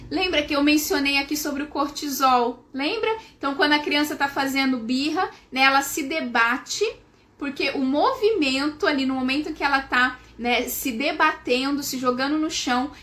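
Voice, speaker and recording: A woman with a Brazilian Portuguese accent giving a live talk to parents, explaining patiently and often checking in with "tá?" and "gente". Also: high voice. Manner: warm explaining, addresses "gente", frequent "tá?" checks. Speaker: parenting educator.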